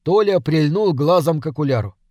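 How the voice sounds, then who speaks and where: A man narrating a children's space adventure story in an even, read-aloud manner. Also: a little high, a little fast, no echo, clean studio sound.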